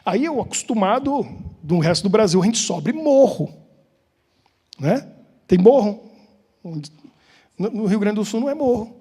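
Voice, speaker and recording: A Brazilian pastor with a Brazilian Portuguese accent gives an informal sermon, chatting, joking and quizzing his congregation with banter. His high, slightly husky voice is warm and expressive, a little slow, with frequent pauses. A church hall's long reverb lingers behind every word.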